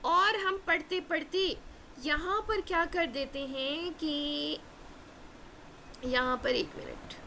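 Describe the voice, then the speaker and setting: A woman teaching Quran recitation rules in an earnest lesson, repeating key phrases and slowing down for emphasis. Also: extremely high pitch, bright, forceful tone, slight background noise. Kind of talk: religious lesson.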